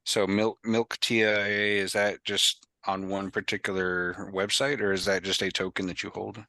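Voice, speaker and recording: A man's voice: on the low side, level tone, normal speed, pushed and bright, no echo. A man hosting a casual group video call, talking in a rambling way with many fillers and restarts. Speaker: host.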